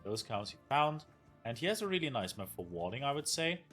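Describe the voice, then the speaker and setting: A young German-accented man casts a strategy game match as esports commentary, enthusiastic and occasionally hunting for words. His mid-range voice is a bit bright, very animated and fairly quick, with faint game music in the background.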